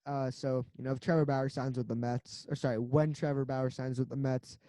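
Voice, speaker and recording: A man's voice: mid-range voice, level tone, fairly quick, mellow, dry recording. A man co-hosting a casual sports podcast, rambling and joking as he chats. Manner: rambling, joking, laughs often. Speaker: podcast co-host.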